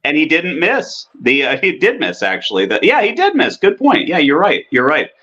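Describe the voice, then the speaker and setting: A man co-hosting a movie podcast, chatting casually and enthusiastically in a rambling, halting way with repeated words. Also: fairly high pitch, huge pitch swings, bright, forceful tone, lo-fi sound. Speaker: film podcast co-host. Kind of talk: casual chat about cult movies.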